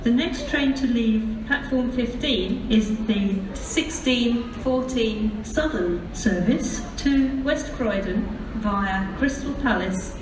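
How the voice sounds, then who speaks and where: A woman's recorded train station announcement played over public address speakers in measured, evenly spaced phrases. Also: a little high. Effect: public address announcement over station loudspeakers. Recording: echoey loudspeaker heard from far off with station noise.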